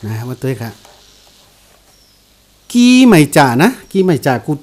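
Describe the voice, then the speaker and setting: A man giving a casual guitar lesson, explaining slowly and repeating note names as he plays. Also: fairly high pitch, very animated, darkish tone. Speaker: guitar teacher. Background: guitar played along.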